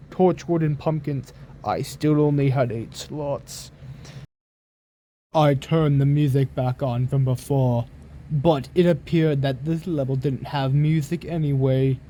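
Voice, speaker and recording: A man giving a dramatic reading of a horror story, theatrical, with drawn-out emphasis on some phrases. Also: mid-range voice, mellow, slight background noise. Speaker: narrator reading a creepypasta aloud.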